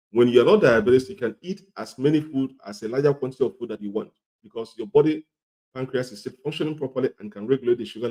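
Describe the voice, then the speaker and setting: Male health presenter, coarse gravelly voice thick with a cold, very dark tone, repetitive and emphatic instructional delivery. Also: medium pitch, rough recording. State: congested and hoarse with a cold. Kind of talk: instructional talk to viewers.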